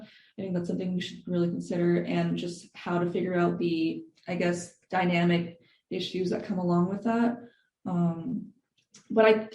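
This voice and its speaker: A woman's voice: fairly low pitch, creaky, warm tone. A young woman from Thailand answering podcast interview questions thoughtfully, with many fillers and hedges. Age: young adult. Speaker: guest. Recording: echoey room with faint noise.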